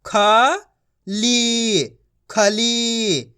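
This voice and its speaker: A man teaching beginners to read, sounding out each word slowly and saying it twice. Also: very high voice, steady tone, sharp tone, smooth. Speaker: Hindi reading teacher. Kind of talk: reading lesson for beginners.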